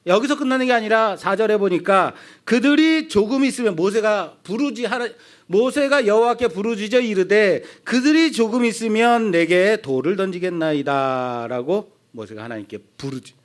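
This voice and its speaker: A middle-aged male pastor with a Seoul accent delivers an expository sermon. He talks in a high voice that swings widely in pitch. He keeps putting questions to the congregation and acts out the voices of the people he quotes. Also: big pitch swings, moderate pace. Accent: Seoul Korean. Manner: asks the congregation questions and answers them.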